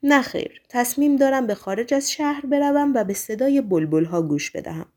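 A woman's voice: fairly high pitch, expressive, dark tone, voice pushed up. Niza, a curt haughty young woman, read by a woman. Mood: cool, haughty. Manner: cold, curt, biting. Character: haughty cold young woman, teasing and guarded.

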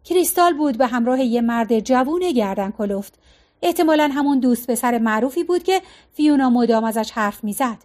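High-voiced woman narrating a story. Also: expressive, darkish tone. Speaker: audiobook narrator. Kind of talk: scripted narration.

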